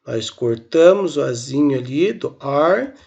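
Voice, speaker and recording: A man teaching a recorded grammar lesson, slowly explaining step by step and drilling examples, from Brazil. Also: medium pitch, animated, creaky, darkish tone. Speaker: English teacher.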